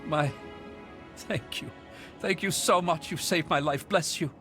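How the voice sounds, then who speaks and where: An actor playing a weak, humble beggar in a video game, speaking in a halting, pleading manner. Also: male voice, a little high, close to an everyday voice. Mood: amazed, grateful. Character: weak, pleading male beggar desperate for water. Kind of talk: video game character dialogue. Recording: music behind the voice.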